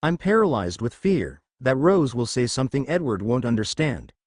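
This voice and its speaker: A man's voice: mid-range voice, big pitch swings, normal speed, darkish tone, dry recording, studio quality. A man reading a dramatic first-person story aloud with an intense delivery. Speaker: narrator.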